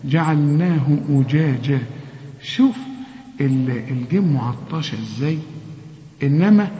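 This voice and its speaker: Egyptian male recitation teacher, a bit high, slow drawn-out recited examples, quick explanations, muffled lo-fi sound. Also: darkish tone. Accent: Egyptian Arabic. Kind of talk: tajweed lesson with recited examples. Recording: dull lo-fi sound with long hall reverb.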